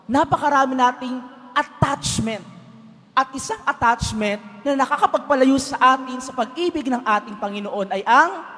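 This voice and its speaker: A man's voice: very high-pitched, fairly bright tone. A man, a priest, giving a homily at Mass, telling a story and asking the congregation to answer back. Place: large church. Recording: long church reverb.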